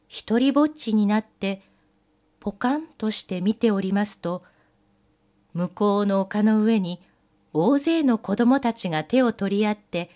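A woman telling an old fairy tale in gentle storybook narration with old-fashioned polite phrasing. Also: mid-range voice.

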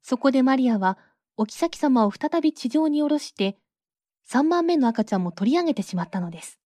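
Woman storyteller, calm measured read, mellow fairly high voice, dry close sound. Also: dry recording. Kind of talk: storybook narration.

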